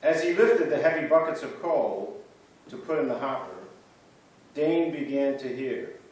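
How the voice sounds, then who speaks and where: Pitched on the high side with a darkish tone, this man reads at a measured pace. He performs a church history script as reader's theater, giving the stories a storyteller's build-up. The recording captures a large church sanctuary from a distance, full of echo.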